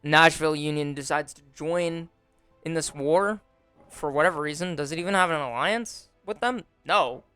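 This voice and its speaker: Wry young man with a bright voice. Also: a little high, normal speed, clean tone, no room sound. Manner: relaxed, wry commentary with frequent fillers. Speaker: gaming YouTuber. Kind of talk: casual gameplay commentary. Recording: dry close voice over faint music. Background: faint background music.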